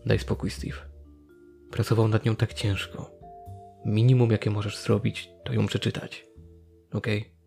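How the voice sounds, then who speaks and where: A man with a low, gravelly voice reading the lines of a dry, teasing young male friend in a horror story. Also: little pitch movement, a little slow, long pauses, darkish tone, faint music behind. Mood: pressing.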